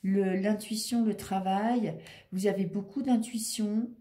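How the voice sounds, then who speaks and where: Mellow-voiced woman reading tarot. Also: mid-range voice, steady tone, measured pace, reverberant. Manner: chatty and reassuring, thinking aloud over cards. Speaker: tarot reader. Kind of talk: casual tarot reading monologue.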